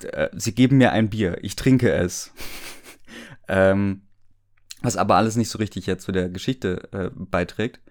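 A man's voice: sits low, a little slow, darkish tone. A man reading a story aloud for comedy, amused, often laughing and breaking off to mock the text. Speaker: reader and commentator.

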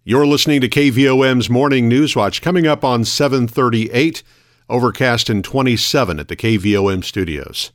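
A man hosting a local radio morning show, reading news announcements in a measured, orderly way from a studio. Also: medium pitch. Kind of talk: radio news announcing of weather, closings and notices.

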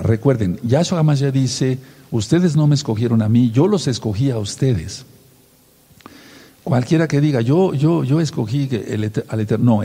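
A male preacher delivers his sermon emphatically, rising in pitch to stress key words. His voice is mellow and a little husky. A long reverb trails behind him. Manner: emphatic, spells out words letter by letter.

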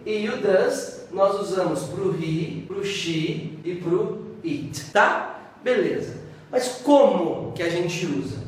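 Brazilian man teaching in an echoey room. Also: high-pitched. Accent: Brazilian Portuguese. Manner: keeps checking in with "ok?" and "tá?". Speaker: English teacher. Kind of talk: classroom-style grammar lesson. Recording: echoey room, distant mic, faint noise.

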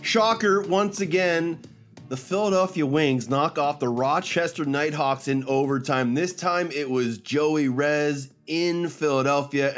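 A man hosting an upbeat sports podcast in a casual, slangy way. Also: mid-range voice. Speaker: podcast host.

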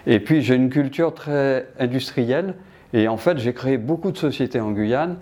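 A man's voice: mid-range voice, normal speed, dark tone. An older man from Martinique answering interview questions about his business, hesitant with many restarts.

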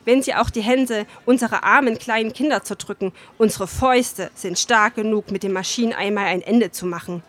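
A woman's voice: mid-range voice, brisk, hardly any pauses, a bit bright, close to an everyday voice. A woman voicing a bitter, defiant working-class mother in a read-aloud story, speaking scornfully and with threat.

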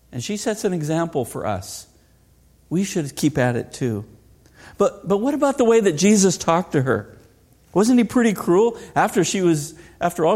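A middle-aged male pastor delivers a sermon in an earnest, pressing way. He often poses rhetorical questions to the congregation, and his voice sits a little higher than most men's. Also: darkish tone.

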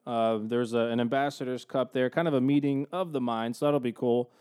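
A man's voice: medium pitch, fairly even intonation, brisk, darkish tone, clean tone. A man hosting a podcast, chatting casually as he lays out the episode. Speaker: podcast host.

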